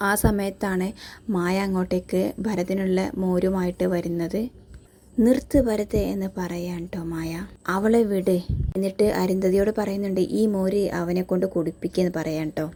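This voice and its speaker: Gravelly-voiced woman recapping a serial. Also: fairly low pitch, warm tone. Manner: chatty, ends sentences with a friendly tag. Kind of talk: casual retelling of a TV serial episode.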